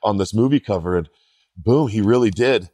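A man's voice: fairly low pitch, moderate pace, dark tone, no echo. A man in his forties from the US hosting an interview, laid-back and enthusiastic, with lots of "like" in his speech. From United States. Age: 40s. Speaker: podcast host. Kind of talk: casual interview chat.

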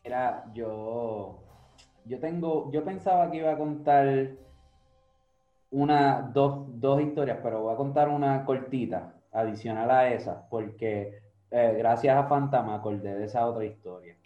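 A man telling a story in a relaxed way on a casual podcast, dropping in English words. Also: medium pitch, unhurried. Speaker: podcast co-host. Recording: roomy, dull sound with faint music.

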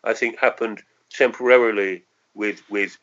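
A London man in his sixties reminisces during an oral history interview, reflective and hesitant, often circling back to qualify his words. His voice sits on the low side with a steady tone, normal speed and a fairly bright quality. The recording sounds muffled.

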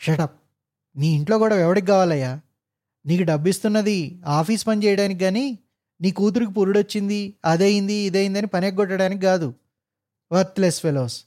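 A man voicing an arrogant male engineer boss who barks insults and mixes English words into his shouting. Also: fairly high pitch, normal speed, pauses often, natural voice. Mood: furious. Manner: barking insults, mixing in English.

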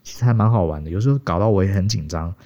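A middle-aged man from Taiwan telling stories casually as a podcast co-host, animated and chuckling. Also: low voice, rapid-fire. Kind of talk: casual storytelling. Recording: dull, muffled podcast audio.

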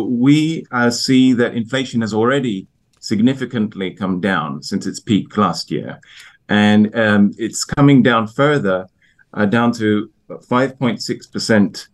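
A man heading the IMF's research division answers broadcast interview questions on economics as an expert guest. His voice is on the low side, and he speaks haltingly and hesitantly, repeating words.

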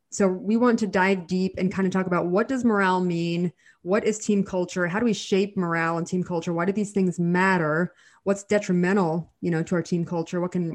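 A woman hosting a casual podcast with a nasal, congested voice from a cold, repeating words as she goes. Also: on the low side. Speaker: podcast host.

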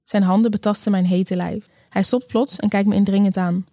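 A woman narrating a first-person erotic story slowly and sensually, in an intimate, close tone. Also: mid-range voice, fairly even intonation, warm tone, no room sound. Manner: slow, sensual, intimate delivery.

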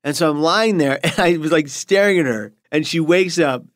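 Man interview guest, high voice, animated comic storyteller. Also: moderate pace, no room sound, studio quality. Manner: animated, self-mocking, acts out dialogue.

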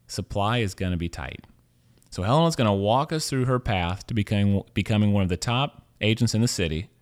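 A man hosting an interview, presenting and asking questions in a conversational style. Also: fairly low pitch. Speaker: interview host.

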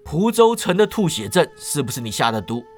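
A man telling a wuxia story, voicing a calm, confident young martial hero who speaks steadily and with command. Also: a little high, fairly quick. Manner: steady, commanding, slightly amused.

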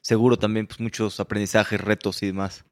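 A man's voice: lowish voice, level tone, brisk. A male podcast host asking brief questions and giving short affirmations. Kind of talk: interview questions.

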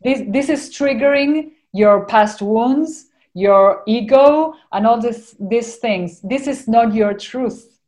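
Slow and darkish in tone yet fairly high in pitch, this Argentinian-accented woman talks earnestly and casually on a podcast about her spiritual life. She rambles, often saying "you know".

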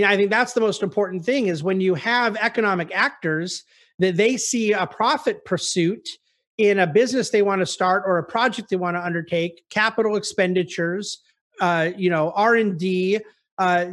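As an investment officer on a conference call, a man responds to investor questions with articulate, emphatic explanations, giving market commentary. His voice sits high with a fairly bright tone, and he keeps a moderate pace.

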